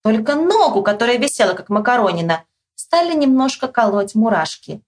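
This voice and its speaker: A woman teacher reading a children's story aloud with lively expression, acting out the shouts, then quizzing a pupil. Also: a little fast. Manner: acts out the boy's shouts with big jumps in pitch. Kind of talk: expressive read-aloud with quiz questions.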